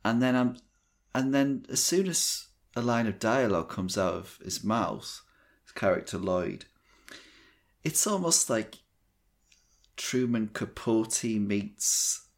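A man co-hosting a podcast, giving measured, critical film opinions with frequent hesitations. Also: fairly low pitch, expressive. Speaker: podcast co-host. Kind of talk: casual film discussion.

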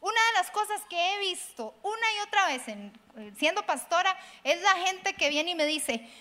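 A middle-aged woman pastor, preaching in an animated, conversational way, acting out quoted voices and addressing listeners directly. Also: extremely high pitch, normal speed. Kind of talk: conversational sermon.

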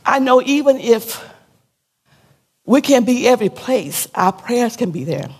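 Husky-voiced woman pastor preaching. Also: fairly high pitch, lively intonation, unhurried, in a large hall. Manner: preaching with call-and-response questions and repetition; drops to a soft, hushed tone when telling a sad story. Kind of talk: sermon.

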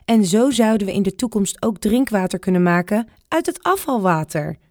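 A woman's voice: medium pitch, animated, normal speed, a little mellow, no echo, clean studio sound, lightly acted. A woman voicing an enthusiastic male professor who explains things in a children's storybook. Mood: explaining.

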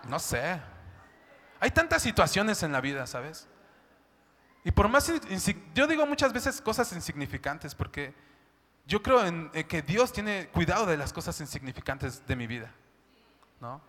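A man's voice: fairly high pitch, very animated, a little slow, long pauses, fairly bright tone. A man preaching a sermon, talking in a chatty way and often asking "¿no?". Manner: conversational, keeps asking "¿no?" and "¿sabes?". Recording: long hall reverb.

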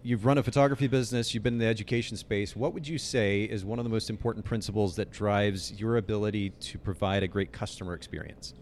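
A man hosting a podcast interview in a conversational style, with low rumbling noise behind his voice. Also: fast, hardly any pauses, darkish tone.

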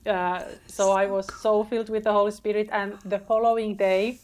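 A woman's voice: medium pitch, level tone, darkish tone. A woman from Finland, a podcast guest sharing her faith story in earnest conversation. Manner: earnest, unhurried, with frequent fillers and restarts.

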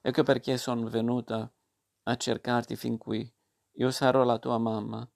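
A man's voice: mid-range voice, flat delivery, a little slow, gravelly. A man playing a stern, kind fairy mother. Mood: admonishing. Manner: admonishing, patient.

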